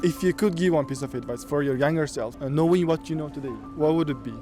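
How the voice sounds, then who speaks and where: A man's voice: on the high side, quick pace, music in the background. A man in his twenties asks people questions in an outdoor street interview, curious and eager. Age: 20s. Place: outdoors in a city.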